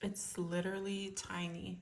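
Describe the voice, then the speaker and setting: A woman, a little sick, chatting excitedly to viewers as she unboxes a gadget, recorded on her phone. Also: medium pitch, a little slow, vocal fry, very noisy. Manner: excited, gushing, keeps addressing viewers as y'all. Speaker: vlogger. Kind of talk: casual unboxing vlog.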